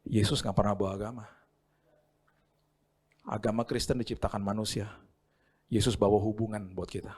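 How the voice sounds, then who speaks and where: A middle-aged male pastor giving a conversational sermon, dropping English phrases in and acting out dialogue in sudden high voices. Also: little pitch movement, moderate pace, pauses often, darkish tone, slightly rough. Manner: mixes English phrases into his talk.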